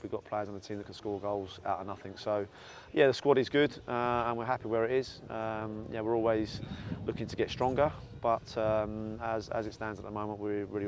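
A man, a football manager giving a post-match interview, talking quickly with lots of repeats and fillers. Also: fairly low pitch, a little mellow. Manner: fast, repetitive, filler-heavy talk. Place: outdoor stadium stands at night. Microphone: lapel mic. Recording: noisy outdoor windy stadium.

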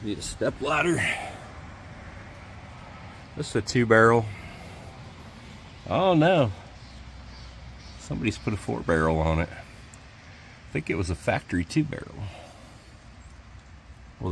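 A man's voice: mid-range voice, takes it slowly, vocal fry, long pauses, slight background noise. A man casually showing an old truck outdoors and in its cab, talking offhand and thinking aloud into a handheld phone camera. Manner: relaxed, offhand, thinking aloud with dry jokes. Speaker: homesteader showing his truck. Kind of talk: casual walkaround vlog.

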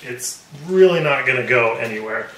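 A DIY builder in his thirties speaks in a mid-range, expressive voice, pushed and bright, at a moderate pace, with slight background noise. He casually narrates a workshop build, practical and full of fillers and self-corrections, as music plays in the background.

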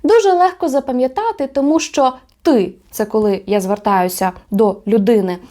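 A woman's voice: a little high, warm tone. Friendly woman teaching a video lesson. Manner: slow careful repetition of example words; friendly, encouraging, with fillers. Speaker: language teacher.

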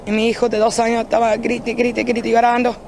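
Woman from the united states, high voice, halting eyewitness account, repeats words, outdoors with faint traffic. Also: monotone, vocal fry, darkish tone. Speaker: interviewee. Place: outdoors in an apartment parking lot.

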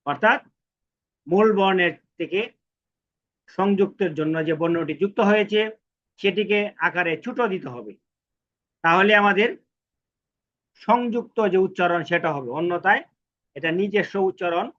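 A man teaching a language lesson, chanting syllables in slow repetition and asking and answering his own questions. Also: high-pitched, fairly bright tone, highs cut off. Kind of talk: recorded alphabet lesson.

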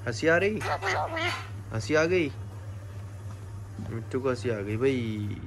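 A man's voice: mid-range voice, lively intonation, takes it slowly, background noise. A young man filming a casual home vlog, chatting to the camera and cooing baby talk to his pet parrots. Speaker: vlogger.

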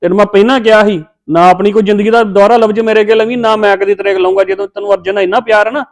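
A man's voice: high voice, fairly even intonation, racing, lightly acted. An actor playing a hot-tempered husband who berates his wife in a family drama skit, harsh and bossy. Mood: angry, scolding. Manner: harsh, berating, shouting orders.

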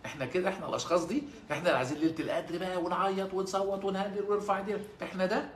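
Fast-talking Egyptian preacher man. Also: high-pitched. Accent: Egyptian Arabic. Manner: animated, rising to emotional peaks when quoting. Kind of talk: sermon storytelling. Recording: echoey room with faint ambience.

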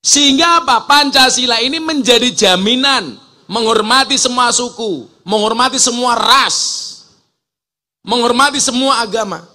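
A man's voice: very high-pitched, normal speed, sharp tone. A man from Java giving a humorous religious sermon to a live audience, joking and acting out regional dialect voices. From Java, Indonesia. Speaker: preacher.

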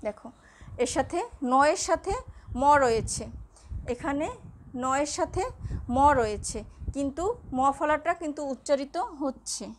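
Woman lecturer, high voice, patient and deliberate, spelling letters out for students. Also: lively intonation, slight background noise. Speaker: Bengali lecturer. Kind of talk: classroom lecture.

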